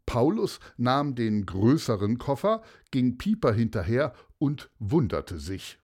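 A man narrating a children's audio story in an expressive storytelling manner. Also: mid-range voice, slow pace, slightly rough.

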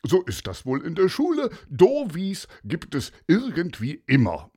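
A man voicing a kindly retired old police inspector who speaks calmly and asks puzzled questions. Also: fairly high pitch, unhurried, husky, voice pushed up, heavily acted. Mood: musing.

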